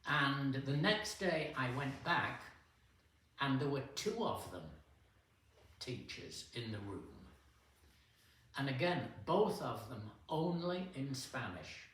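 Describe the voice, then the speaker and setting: An older man tells his stories slowly, in a casual and unhurried way, stopping often for fillers. He sounds far from the mic, in a very echoey hall with a faint hiss behind him. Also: mid-range voice, very animated, fairly bright tone. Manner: unhurried, anecdotal, with pauses and fillers. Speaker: guest speaker at a men's fellowship. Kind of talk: casual storytelling talk. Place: church hall.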